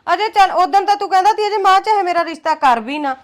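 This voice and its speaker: A woman's voice: very high voice, fast. An actress playing a scheming mother who coaxes and scolds her grown son in a short film drama. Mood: coaxing. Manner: coaxing, then scolding. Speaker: actor.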